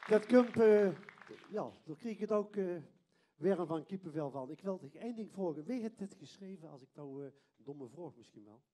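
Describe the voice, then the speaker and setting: Onstage in a theatre before an audience, a Limburgish-accented schoolteacher in his fifties presents live and chats with contestants through a handheld mic. His fairly high, warm voice is expressive and a little fast, and his phrasing is informal and hesitant.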